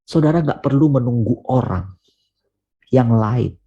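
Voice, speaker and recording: A man preaching a sermon over a video call, earnest and emphatic, rising to urgent questions and then dropping low and quiet. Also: lively intonation, measured pace, husky, muffled recording.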